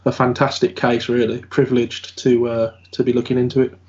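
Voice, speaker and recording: A man's voice: medium pitch, level tone, fairly quick, a little mellow. A man who investigates the paranormal, talking through his work in a casual round-table chat. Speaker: paranormal investigator and podcast host. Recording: dull lo-fi audio.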